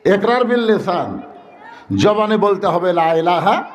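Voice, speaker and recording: Man, high voice, fiery sermon, sung verses, lilt. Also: a little slow, roomy sound, some chatter behind. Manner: animated, rising to loud emphatic preaching with sung verses and jokes. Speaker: preacher.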